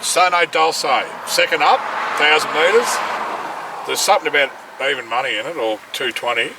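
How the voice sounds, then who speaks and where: A man's voice: fairly high pitch, normal speed, vocal fry, recorded from a distance, background noise. An Australian man co-hosting a casual chat, giving rambling race reports. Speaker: racing syndicate co-host.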